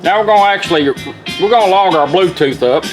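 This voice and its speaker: The recording is rough, and a radio plays guitar music behind the speaker. He's a radio restorer with a high-pitched, brisk voice, casually showing off a device and going through its controls in a homespun manner.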